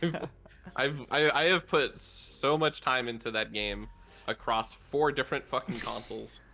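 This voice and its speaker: A man chats casually on a podcast in a creaky voice with a bright, forward edge. He giggles often and rambles, restarting his sentences as he goes. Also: medium pitch, measured pace, soft background music. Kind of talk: casual chat.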